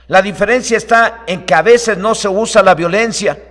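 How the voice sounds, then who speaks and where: Pastor preaching in a reverberant hall. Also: male voice, high voice, moderate pace. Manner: starts calm, then fervent, raising his voice to preach. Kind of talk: online sermon and prayer.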